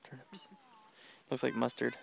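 Measured in pace and level in tone, a man's creaky, medium-pitched voice guides a filmed tour of his home garden. He walks with a handheld camera, curiously asking his children to name plants and encouraging what they say.

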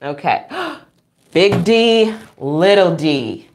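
Indoors in a small room at home, a middle-aged woman hosts children's storytime, reading aloud extremely slowly and deliberately. Her darkish, sing-song voice swings widely in pitch as she stresses words, exclaims often and puts questions to her young listeners, with slight background noise.

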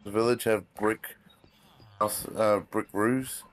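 A man with the hiccups in casual game chat, talking in a hesitant, halting way. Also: fairly low pitch, steady tone. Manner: hesitant, halting, stops and restarts.

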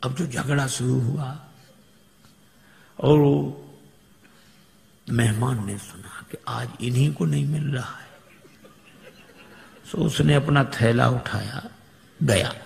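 A man's voice: medium pitch, slow, creaky, long pauses, a little mellow, slight background noise. A man giving a storytelling sermon, acting out characters' voices with humour. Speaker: preacher. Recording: echoey hall with long reverb.

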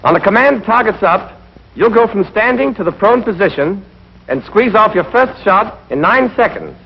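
The dull, narrow-band audio of an old training film carries an American man's husky, high-sitting voice as he narrates at a moderate pace. Speaking expressively as an instructor, he addresses trainees directly with scripted, instructive lines.

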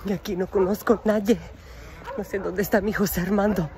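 Speaking briskly in a high voice with little pitch movement, a man acts out a melodramatic telenovela mother desperate to find her son. The parody is full of overwrought soap-opera wailing in broken Spanish, recorded outdoors amid street noise and passing traffic.

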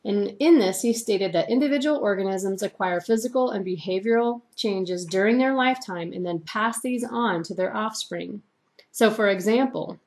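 A woman teacher giving a recorded lecture, reading largely from her own typed notes in an explanatory way. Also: medium pitch.

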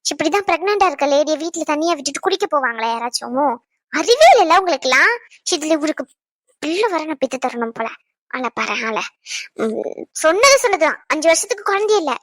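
A woman's voice: high-pitched, lively intonation, brisk, a bit bright, dry recording, studio quality. A woman voicing a bossy young wife in a cartoon who scolds and teases her husband. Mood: scolding. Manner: scolding, teasing. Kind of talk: cartoon voice acting.

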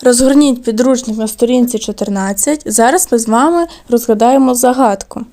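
A woman teaching a recorded lesson to second graders, with slow, clear diction and words drawn out syllable by syllable. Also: a little high, dark tone. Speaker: primary school teacher.

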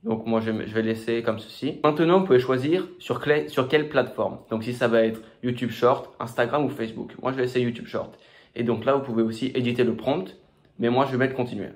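A man hosting a screen-recorded software tutorial, talking casually with many fillers and restarts. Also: mid-range voice, a little fast. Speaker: tutorial host.

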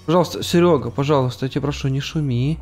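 A man's voice: medium pitch, very fast, a little mellow, faint music behind. A man, a nervous and easily frightened horror game streamer chatting casually as he plays. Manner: scared, jumpy, nervous. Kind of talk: casual co-op gameplay commentary.

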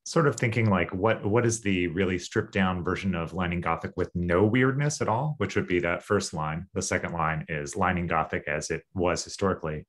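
A man with a low voice co-presents a design talk. He speaks in a calm, considered way as he explains the process. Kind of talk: casual conference presentation.

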